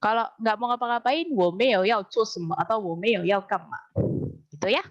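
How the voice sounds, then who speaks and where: A woman teaching a language class. She explains things patiently, slows right down to drill phrases, and keeps quizzing her students. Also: medium pitch, dull audio. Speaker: Mandarin teacher.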